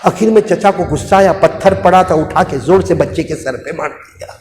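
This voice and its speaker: A man's voice: on the high side, normal speed. Give me a dramatic male preacher telling an emotional story, echoing through a long hall with faint noise. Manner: dramatic, swelling to shouts.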